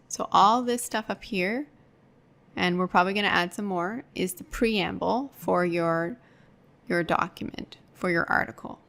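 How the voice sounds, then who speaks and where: A woman's voice: mid-range voice, gravelly, a bit bright. A woman teaching an online course, explaining each step patiently while working through a screen-recorded tutorial at her computer.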